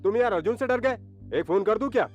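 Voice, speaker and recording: A blunt ally, dull soundtrack. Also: male voice, high-pitched, lively intonation, quick pace, soft background music. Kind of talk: Hindi film dubbing.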